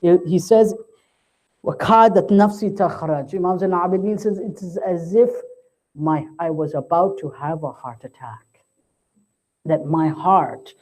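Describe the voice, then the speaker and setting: A man giving a mourning sermon as a majlis speaker, impassioned, his voice climbing high in grief as he quotes Arabic. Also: mellow.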